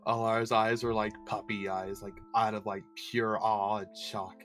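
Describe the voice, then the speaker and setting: A man's voice: fairly low pitch, little pitch movement, measured pace, a bit bright, soft background music. Casting: losse, wat rommelige speler, man, zachte muziek eronder. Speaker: player. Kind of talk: narrating his character in a tabletop game.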